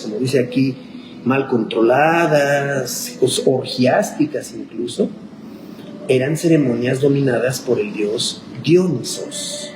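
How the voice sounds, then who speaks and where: Pastor teaching in an echoey room. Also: male voice, mid-range voice. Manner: thinks aloud, restarts words, checks in with listeners. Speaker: pastor teaching a Bible class. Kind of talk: conversational classroom lecture. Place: church classroom. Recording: echoey room with clear background noise.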